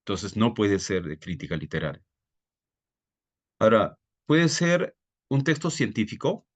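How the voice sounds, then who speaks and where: With a fairly low voice that swings widely in pitch, a Peruvian-accented tutor teaches reading comprehension in a live online exam-prep class. He speaks at a measured pace, explaining in a didactic way and regularly quizzing his students.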